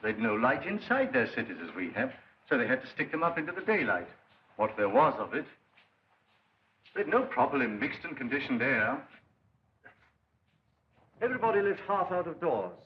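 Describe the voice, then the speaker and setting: An actor playing a gentle, elderly great-grandfather who mildly recalls the old days to a child, in 1930s film acting. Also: medium pitch, big pitch swings, normal speed, long pauses, slight background noise, lightly acted. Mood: reminiscing. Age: older. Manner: mild, reminiscing storytelling. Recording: dull lo-fi 1930s film soundtrack.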